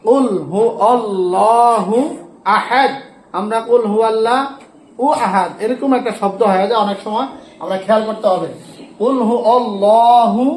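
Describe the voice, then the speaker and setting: Male Quran teacher, online recitation lesson, spells letters and vowels, echoey room, faint background noise. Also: high voice. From Bangladesh. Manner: spells letters and vowels, then slowly recites each word.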